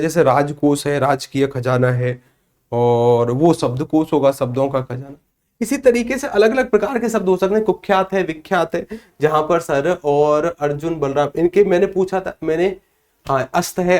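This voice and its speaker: A man with a somewhat high voice teaches a spoken grammar lesson. He keeps asking the class a question and then answering it himself. When he shows pronunciation, he sounds out the letters one by one, slowly. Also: a little mellow. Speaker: Hindi teacher.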